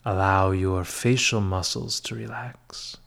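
A man leading a guided meditation in a soft, breathy, half-whispered spa voice, soothing and measured, with long pauses between short phrases. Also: deep voice, fairly even intonation.

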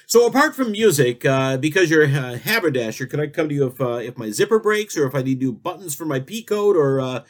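A man hosting a comic talk show, rambling through absurd questions and deadpan jokes. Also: on the high side, brisk, few pauses.

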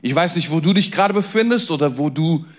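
A man preaching a sermon in a conversational way, talking straight to his listeners and moving between loud emphasis and quiet intensity. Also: a little high, animated, quick pace. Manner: conversational, addresses listeners directly. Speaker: pastor.

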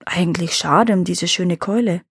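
A woman's voice: on the low side, moderate pace, husky, dry recording, clean studio sound. A woman reading the lines of a cunning young peasant man who boastfully bluffs a dragon in a storybook tale. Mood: sly.

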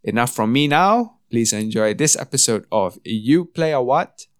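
A man hosting a podcast interview, talking in a relaxed, chatty way and laughing often, over a video call. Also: mid-range voice, moderate pace, clean tone, no room sound, clean studio sound. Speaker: podcast host.

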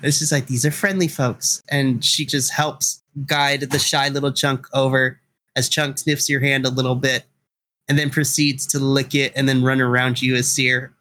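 A man narrating as game master with lively storytelling, quick to laugh. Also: medium pitch, poor audio.

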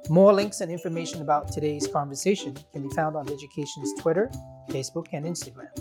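A man's voice: a little high, fast talker, music in the background. A man hosting a podcast who reads a scripted intro and then interviews his guest with enthusiasm and frequent fillers. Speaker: podcast host.

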